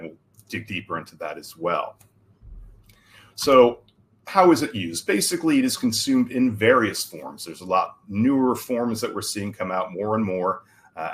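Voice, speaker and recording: Middle-aged man, lower voice, casual webinar presenter, folksy and talkative. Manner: casual, chatty, joking asides, frequent fillers. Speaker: webinar presenter, chief product officer. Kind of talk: live educational webinar.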